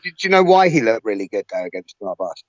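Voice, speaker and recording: A man's voice: lowish voice, sing-song, fast talker, dry recording. Man on a dry, dull recording. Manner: emphatic, stammers at starts. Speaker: podcast co-host. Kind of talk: casual chat.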